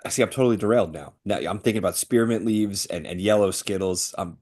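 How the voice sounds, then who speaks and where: An upbeat man co-hosts a sports podcast. His voice is fairly low, and it jumps up when he gets excited. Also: quick pace. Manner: eager and upbeat, rising excitedly. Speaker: podcast co-host. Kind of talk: casual sports podcast chat.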